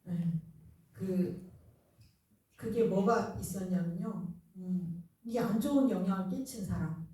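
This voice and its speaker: In a church sanctuary, a woman pastor preaches conversationally, sharing personal stories and laughing along the way. Her voice is lowish, slow, and mellow, heard from a distance in a very echoey hall.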